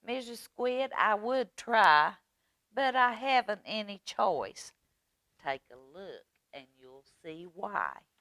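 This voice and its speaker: A woman's voice: medium pitch, sing-song, slow, fairly bright tone, no room sound, voice pushed up. A woman voicing a glum, self-pitying male fish from a picture book, in a dramatic singsong manner. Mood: gloomy, dramatic.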